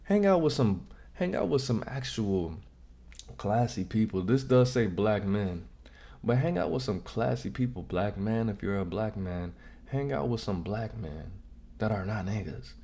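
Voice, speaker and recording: A man with a fairly low, dark, mellow voice hosts a casual reaction commentary. He gives blunt, slangy advice straight to the viewer and often circles back to repeat himself. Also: animated, measured pace, husky. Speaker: vlog host.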